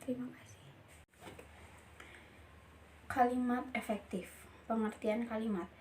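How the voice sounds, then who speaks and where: A young woman, a university student, reading course notes aloud in a steady voice and sometimes stumbling and restarting a word. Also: a little high, a little slow, slight background noise. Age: young adult. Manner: reads steadily from notes, with small slips and restarts.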